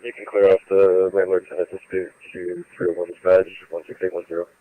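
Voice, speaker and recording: A low, flat-voiced man reads out clipped radio codes like a police dispatcher. He comes through a tinny, phone-thin scanner transmission broken by static bursts. The signal is dry and close. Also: brisk, no room sound. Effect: two-way radio with static bursts.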